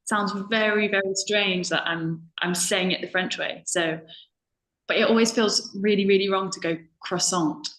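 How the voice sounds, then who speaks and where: A woman with a medium-pitched, fairly bright voice and fairly even intonation chats casually at normal speed as a guest speaker. A native English speaker, she's chatty, full of ums, and acts out her own past remarks by quoting herself. The recording has a roomy echo.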